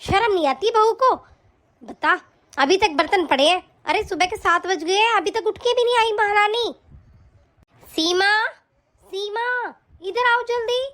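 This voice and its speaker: A woman's voice: very high voice, normal speed, fairly bright tone. A woman voicing a nagging, scornful middle-aged mother-in-law in a cartoon, scolding and taunting harshly. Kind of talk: cartoon voice acting.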